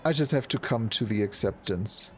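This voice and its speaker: A man's voice: lowish voice, normal speed, soft background music. A man streaming a game, chatting casually and laughing at himself often. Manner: self-deprecating, laughs often. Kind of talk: casual gameplay chat.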